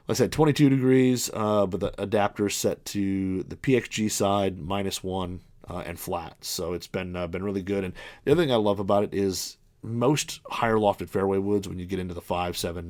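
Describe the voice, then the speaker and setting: A man in his early forties hosts a podcast, reviewing golf clubs in a casual, rambling monologue full of fillers and restarts as he works through his equipment. He has a low voice with a darkish tone, and the recording is dry.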